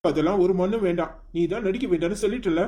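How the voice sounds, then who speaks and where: A woman's voice: fairly low pitch, fast, mellow, dull audio, lightly acted. A woman voicing a stern, jealous young husband who scolds his wife in a cartoon story.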